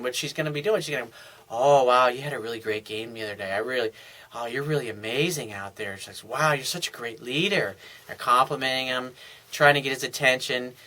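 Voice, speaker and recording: A man's voice: a little high, sharp tone. A man coaching on dating in a loose, conversational monologue full of fillers and restarts, sounding tired. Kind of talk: casual advice monologue.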